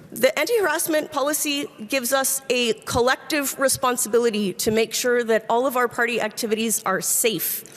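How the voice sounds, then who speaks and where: High-voiced bilingual convention chair. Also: female voice, fairly bright tone. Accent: English-speaking, in French. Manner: reads policy text, switches English and French, small stumbles. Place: large convention hall. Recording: long reverb of a large hall.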